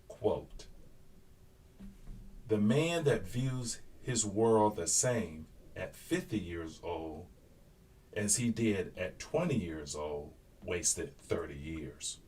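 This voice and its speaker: A man's voice: on the low side, sing-song, slow pace, pauses often. A man hosting a casual live interview, easygoing and affirming. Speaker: host. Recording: distant mic with faint noise.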